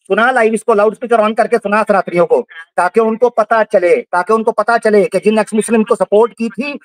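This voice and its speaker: A man's voice: high-pitched, fairly even intonation, brisk, dry recording. A man hosting a livestream debate, taunting and repeating his jabs in a heated call-out. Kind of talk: heated live call-out on stream.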